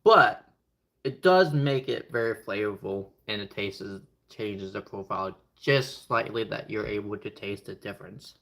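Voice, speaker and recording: This young streamer, whose first language is Ukrainian/Russian, talks in a fairly low but fairly bright voice at a measured pace while cooking at home. He chats loosely with viewers, wandering between tasks and replying to chat as he goes. Faint noise and echo fill the kitchen recording.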